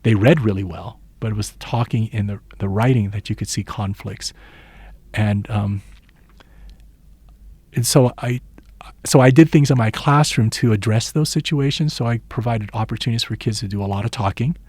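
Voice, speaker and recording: An education professor in his sixties, originally from the Philippines, answers interview questions thoughtfully and earnestly, sharing stories from his teaching. His voice is on the low side, darkish and slightly rough, at a moderate pace, with no room sound.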